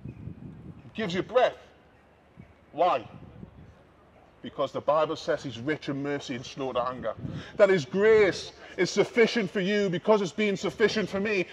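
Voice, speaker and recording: A man preaching in the open air on a city street, emphatic and repetitive, swinging between loud declarations and hushed asides. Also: very high voice, husky, lo-fi sound. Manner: emphatic, repeats key phrases, shifts between loud and hushed.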